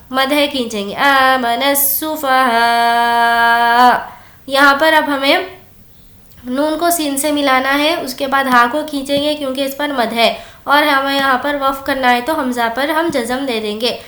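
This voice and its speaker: A woman teaching tajweed, explaining each rule plainly and then reciting the words slowly and drawn out. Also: high-pitched, sharp tone, echoey room. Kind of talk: slow word-by-word recitation lesson.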